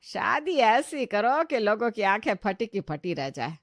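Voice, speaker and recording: A woman's voice: medium pitch, sing-song, measured pace, dry recording, clean studio sound, pitched above the performer's own voice. A woman voicing a pushy, middle-aged mother-in-law in a cartoon who talks insistently and coaxingly.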